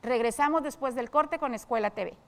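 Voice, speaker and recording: A woman teaching a televised secondary school class, explaining step by step and pausing with "eh". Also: sits high.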